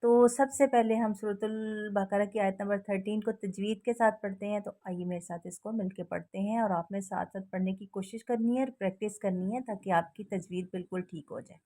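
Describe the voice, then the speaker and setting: A woman teaching a recitation lesson, chanting verses slowly and melodically, then explaining each rule in plain speech. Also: medium pitch, fairly even intonation, mellow. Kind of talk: slow tajweed lesson with recitation.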